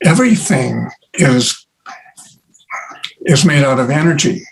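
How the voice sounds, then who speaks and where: Man, interview guest, unhurried storytelling, lots of pauses, medium pitch. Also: lively intonation, gravelly, slight background noise, rough recording. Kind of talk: casual conversation.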